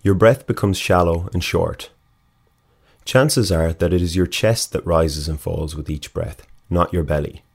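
A man leading a guided breathing exercise, talking in a slow, calm, measured way and counting breaths aloud. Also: sits low, creaky, husky. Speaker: breathing instructor.

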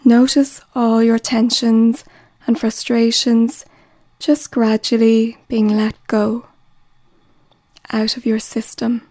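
Woman, relaxation guide: slow soothing delivery with whispered phrases, mellow and steady in pitch. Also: no echo.

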